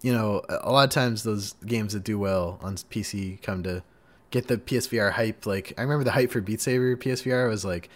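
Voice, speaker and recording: A man's voice: lowish voice, a little fast. A man hosting a casual gaming podcast, chatty and upbeat, reading out segments and riffing with his co-host. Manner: upbeat, chatty, sings little jingles.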